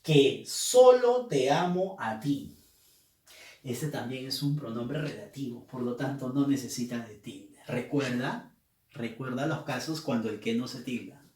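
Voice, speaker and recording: A man's voice: mid-range voice, lively intonation, measured pace, darkish tone. A male teacher, possibly, explaining grammar in an emphatic way, stretching key words and often checking with "¿ya?" and "¿no?". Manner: checks in with rhetorical "¿ya?" and "¿no?". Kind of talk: grammar lesson. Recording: roomy, mic far off.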